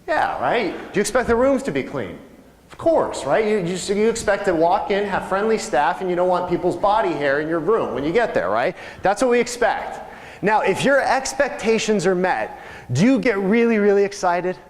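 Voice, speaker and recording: A man's voice: high voice, sing-song, moderate pace. A man leading a live real estate sales training, talking conversationally and asking the audience questions. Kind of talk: live training seminar talk. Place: training room with reverb. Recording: live room recording with long reverb.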